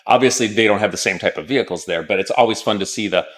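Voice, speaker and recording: A man's voice: lowish voice, very fast, a bit bright. A man in his fifties chatting casually as a podcast guest, rambling with lots of fillers and asides.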